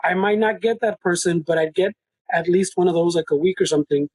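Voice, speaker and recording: Husky, high-voiced man. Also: a little fast, a little mellow, no room sound, poor audio. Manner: brash, laughing banter full of slang and swearing. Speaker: podcast co-host. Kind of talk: casual chat, switching between English and Spanish.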